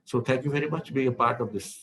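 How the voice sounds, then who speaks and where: A man's voice: mid-range voice, quick pace, a bit bright, poor audio. A man with an Indian English accent, a spiritual teacher speaking to devotees in a rambling, discursive way that often repeats words while he searches for the next phrase. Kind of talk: speaking to devotees in an online session.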